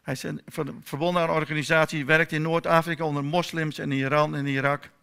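A man's voice: on the high side, level tone, fast talker, vocal fry, fairly bright tone, smooth. A man preaching a sermon in church, moving from telling a story to emphatic preaching and prayer.

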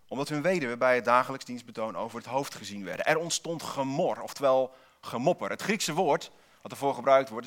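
A man preaching to his congregation in a steady, mid-pitched voice. He builds each point through rhetorical questions and single repeated words. Now and then he drops a wry aside to the listeners. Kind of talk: sermon.

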